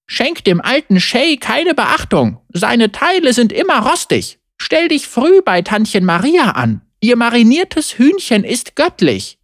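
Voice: medium pitch, huge pitch swings, measured pace, hardly any pauses, dry recording, pitched above the performer's own voice, heavily acted. A storybook narrator voicing an old grandmother handing out bossy market advice, in a dry, close recording.

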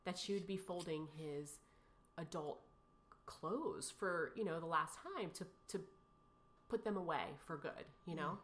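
Bright-toned woman telling a personal story. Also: on the low side, unhurried. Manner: emotional, rambling, many fillers and restarts. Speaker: guest.

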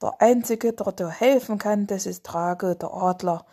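A woman's voice: mid-range voice, unhurried, dark tone, slightly rough. A woman voicing a big, cheerful, helpful hippo in a storybook reading, speaking up eagerly.

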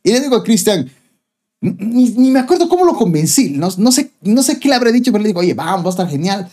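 A man's voice: very high-pitched, big pitch swings, fast, mellow. A man preaching a personal testimony, telling a story with frequent chuckles to his congregation. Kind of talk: testimony sermon.

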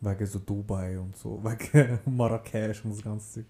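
A young man chatting casually as a podcast co-host, telling stories in animated, slangy talk. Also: fairly low pitch, normal speed. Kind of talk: casual chat.

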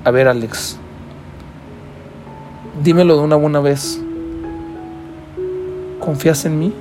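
A man voicing a bossy four-year-old girl who gives hushed commands to her classmate. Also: on the high side, slow pace, faint music behind. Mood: hushed serious.

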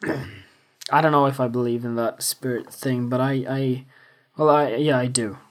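A man's voice: medium pitch, fairly even intonation, measured pace. Young male host, casual and self-reflective solo talk. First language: Swedish. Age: 20s. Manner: rambling, self-reflective, full of fillers. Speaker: podcast host.

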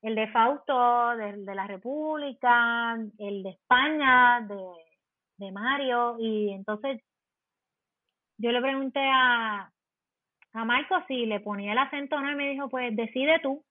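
A Puerto Rican actress chatting as a podcast guest, explaining in an animated way with many fillers. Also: female voice, fairly high pitch, a little slow, dry recording. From Puerto Rico. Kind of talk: podcast interview chat. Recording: dry tinny phone-like sound.

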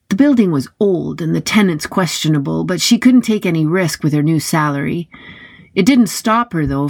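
Gravelly narrator, dry close mic, wry gritty read of a detective novel. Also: medium pitch, no echo. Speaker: audiobook narrator.

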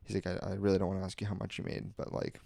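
Low-voiced young podcaster. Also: male voice, completely flat delivery, very fast, vocal fry, mellow, no room sound. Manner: loose, filler-heavy, acts out quoted talk. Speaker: podcast co-host. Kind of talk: casual storytelling chat.

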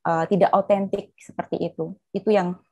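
A woman's voice: mid-range voice, steady tone, normal speed, warm tone, dry recording, lo-fi sound. A woman psychologist explaining to an interviewer, talking fluently with frequent "eh" fillers. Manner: fluent, with many "eh" fillers, acts out quotes. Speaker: psychologist guest.

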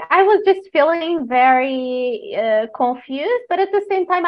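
A woman from Portugal with a fairly high voice, hosting a podcast chat. She talks in an upbeat, motivational way. The recording sounds a bit dull and lo-fi. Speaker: host and life coach. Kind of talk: podcast conversation.

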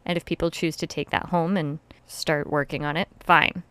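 A woman's voice: low voice, flat delivery, moderate pace, a bit bright, clean tone. A woman hosting a casual podcast who teaches rope classes, explaining step by step and laughing easily. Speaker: podcast host and rope bondage instructor.

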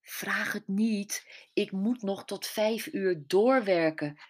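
A woman's voice: on the low side, big pitch swings, normal speed, darkish tone. A woman reading aloud the lines of a middle-aged bookseller who puts on a brave front over her grief. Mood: tearful.

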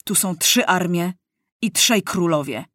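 A woman's voice: on the low side, lively intonation, a little slow, a bit bright, dry recording, clean studio sound. A woman reading aloud, voicing a sad, grave king who speaks firmly to a younger ruler.

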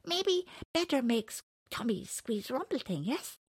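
A woman voicing a scraggy little male bird who speaks in broken, jumbled grammar, slow and coaxing. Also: a little high, very animated, husky, dry recording, studio quality, voice pushed up, full character voice.

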